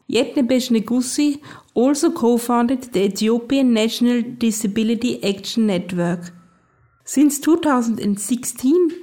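Woman radio host, clear read-aloud delivery. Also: fairly high pitch, darkish tone. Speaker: radio show host, interviewer. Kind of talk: scripted radio introduction and interview questions.

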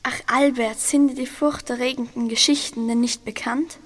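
A woman's voice: on the high side, steady tone, moderate pace, in a large hall, lightly acted. A teenage girl voicing a grave male village innkeeper who tells an ominous tale in a school radio play. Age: teens. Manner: storytelling, ominous.

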